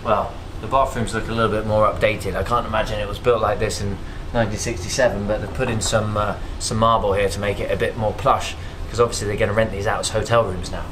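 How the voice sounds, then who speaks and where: A man's voice: lowish voice, flat delivery, fast, few pauses, noisy background. A young man presenting a casual vlog to camera on location, talking in a chatty, jokey way. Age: young adult. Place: inside a ship and out on its deck.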